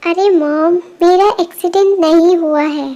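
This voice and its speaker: A woman voicing a calm, caring young man in an amateur fan dub, with a gentle, reassuring manner. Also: very high voice, unhurried, muffled recording.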